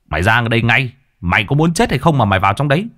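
A man's voice: mid-range voice, big pitch swings, quick pace, fairly bright tone. A man voicing an angry male villager who barks threats at intruders. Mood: threatening. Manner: barking, threatening.

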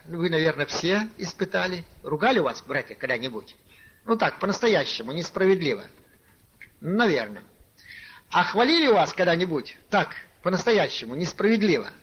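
A man's voice: fairly high pitch, a bit bright, husky. A man preaching a conversational sermon, telling a personal story and addressing his listeners as brothers, with many filler words. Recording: lo-fi archival tape recording.

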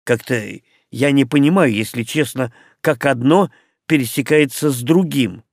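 A man's voice: medium pitch, moderate pace, no room sound, studio quality, close to an everyday voice. A man voicing a puzzled, exasperated young man in an audiobook. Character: baffled young man, exasperated and slow on the uptake.

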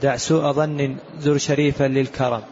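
Man reciting verse in a flat, even tone. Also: medium pitch, normal speed, a little hiss or hum. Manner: flat sing-song recitation of verse lines. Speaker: student reciting the poem. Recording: dull lo-fi recording, voice farther from the mic.

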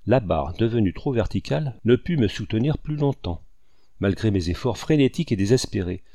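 A man reading a classic adventure novel aloud as first-person narration, in a measured, dramatic storytelling manner. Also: lowish voice, gravelly, a little mellow, no echo. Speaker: audiobook reader.

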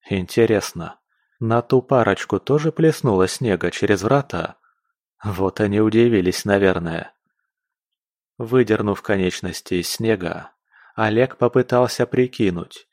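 A man narrating a fantasy audiobook in a steady, even storytelling manner. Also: lowish voice, dry recording, studio quality. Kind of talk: scripted narration.

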